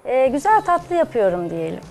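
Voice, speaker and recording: A woman in her sixties, a guest cook and cafe owner, soft-spoken and modest. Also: high-pitched, sing-song, normal speed, creaky. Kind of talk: studio interview. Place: TV studio kitchen set.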